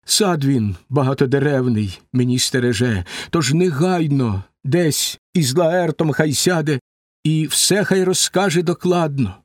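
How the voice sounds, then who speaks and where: A man voicing a grieving middle-aged queen in a lamenting verse reading, raised high above his own voice. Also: unhurried, no echo, studio quality, lightly acted.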